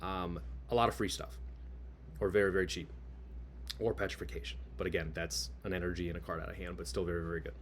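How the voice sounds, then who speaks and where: A man's voice: low-pitched, fairly even intonation, fast, slight background noise. A man giving a casual, enthusiastic card review, gushing as he explains and leaning on key words for emphasis. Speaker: card game content creator.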